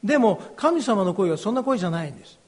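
Husky high-voiced pastor in a reverberant hall. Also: male voice, very animated. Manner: slow, earnest, confessional delivery. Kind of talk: personal testimony sermon.

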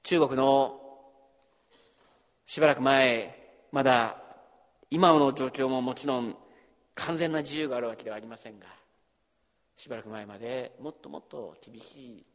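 A man preaching a sermon as pastor, swinging between loud emphasis and hushed near-whisper in a church hall. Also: mid-range voice, moderate pace, pauses often.

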